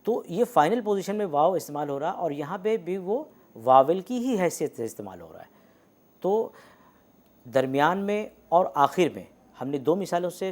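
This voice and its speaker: An Urdu language teacher with a slightly high, somewhat mellow voice teaches letters and vowels in a recorded lecture. He explains patiently, pronounces example words slowly and repeats them, and frequently checks in with the class.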